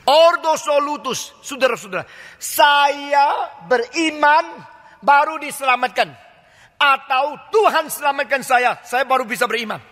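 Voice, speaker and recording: A man's voice: very high voice, sharp tone. An older male pastor with an Indonesian accent, preaching a sermon full of rhetorical questions, mock dialogues and colloquial asides. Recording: long hall reverb.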